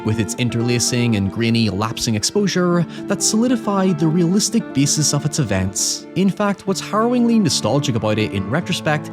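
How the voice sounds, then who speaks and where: A man's voice: a little high, big pitch swings, fairly quick, few pauses. A man narrates a scripted video essay as its host, speaking in an articulate, analytical way with the occasional wry aside. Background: background music with guitar.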